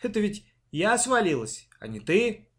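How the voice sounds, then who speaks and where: A man's voice: high voice, very animated, measured pace, fairly bright tone, pitched above the performer's own voice, exaggerated voice. A man doing a bossy cheeky little girl. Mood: cocky. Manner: snappy, commanding.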